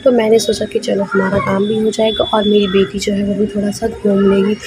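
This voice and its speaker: A woman's voice: medium pitch, monotone, a little fast, background noise. A young woman, a mother and vlogger, chatting casually with lots of fillers. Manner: chatty, conversational with many fillers. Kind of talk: casual vlog narration.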